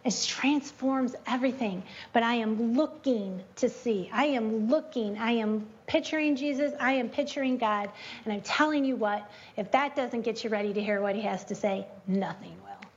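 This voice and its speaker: A woman giving a chatty, animated devotional teaching, breaking into spoken prayers to God. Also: moderate pace. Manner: chatty and animated, prays aloud with rising pitch. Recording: dull lo-fi recording.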